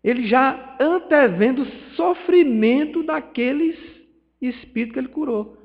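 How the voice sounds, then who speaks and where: An unhurried man with a very high-pitched voice and lively intonation, from Northeast Brazil with a Pernambuco accent, gives a spiritist study-group lecture. He tells stories through acted dialogue and emotional swells in a centre's meeting hall, where the recording sounds dull and reverberant.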